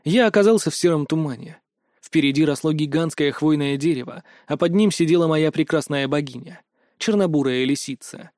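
Man, audiobook narrator, first-person fantasy, dramatic steady delivery, slightly high voice, dry close recording. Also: brisk, no echo.

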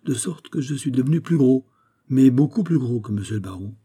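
A man's voice: medium pitch, lively intonation, fairly quick, dark tone, husky. A man voicing a plump, amiable servant who speaks deferentially.

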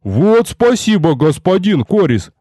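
A man voicing a big, boisterous male warrior who roars and shouts in folksy speech. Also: high-pitched, very animated, a little slow, no room sound, clean studio sound, voice pushed up, heavily acted. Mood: delighted. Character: burly bearded male warrior, loud and boisterous.

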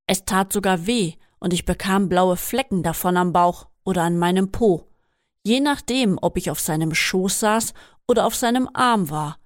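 A woman reading a first-person memoir aloud in a steady, measured way. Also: fairly low pitch, no echo, studio quality. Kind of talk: scripted first-person narration.

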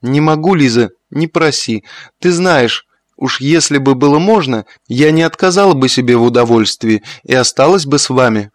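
A well-mannered, reserved young lady turns down requests gently, as a man reads her in an audiobook. The voice sits at a plain middle pitch, recorded dry and close. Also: lively intonation, moderate pace, no room sound, close to an everyday voice. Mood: polite. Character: polite reserved young woman, a former schoolgirl.

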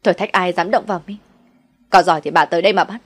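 A woman's voice: fairly low pitch, fairly even intonation, a little fast, close to an everyday voice. A woman doing a fierce young woman. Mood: defiant. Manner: pleading then defiant outbursts.

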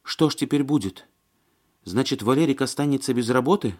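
A man's voice: medium pitch, animated, fairly quick, darkish tone, pitched above the performer's own voice, close to an everyday voice. A man reading an audiobook and voicing a fussy, flustered woman who chatters and complains in a plaintive, agitated way. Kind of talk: audiobook character voice.

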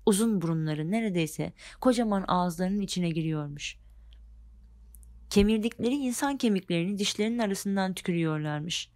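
Expressive woman reading a fairy tale. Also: medium pitch, brisk, no room sound, clean studio sound. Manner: expressive, changes voice for characters. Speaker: narrator. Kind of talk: storybook reading.

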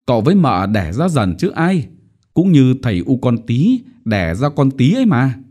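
Young widowed mother, raised soft voice, gentle yet quick to scold, as a man puts her on. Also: medium pitch, very animated, voice pushed up. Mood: soothing. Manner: soothing, then sharply scolding.

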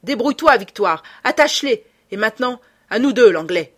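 A woman voicing a bold male gentleman thief who cries out in sudden bursts in a storybook reading. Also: on the high side, expressive, moderate pace, voice pushed up. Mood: commanding. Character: daring male gentleman thief, fierce then grieving.

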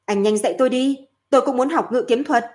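A woman voicing an excitable young male sidekick who calls out eagerly. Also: extremely high pitch, fast, voice pushed up. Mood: excited. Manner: shouting, eager.

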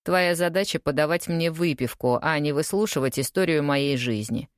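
Suave English gentleman lawyer, read by a woman, deadpan, teasing, low voice, dry close sound. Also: normal speed, smooth, dry recording, close to an everyday voice.

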